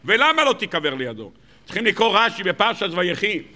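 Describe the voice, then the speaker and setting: A man, a rabbi, giving a lively sermon to a live audience, firing off rhetorical questions with mock disbelief and humorous asides. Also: high voice. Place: lecture hall with live audience.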